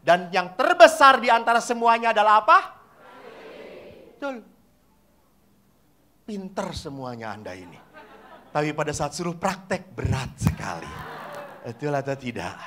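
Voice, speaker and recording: Lively priest preaching. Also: male voice, high-pitched, normal speed, pauses often, a little hiss or hum. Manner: animated storyteller acting out voices and asking the audience questions. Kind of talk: lively sermon to a live congregation.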